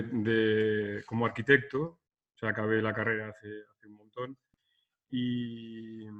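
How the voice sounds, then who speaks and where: A Basque architect from Spain, a man in his fifties, appears as a guest in a video-call interview, restarting often and speaking hesitantly. His voice is medium-pitched and a bit bright, and the call audio sounds dull and lo-fi.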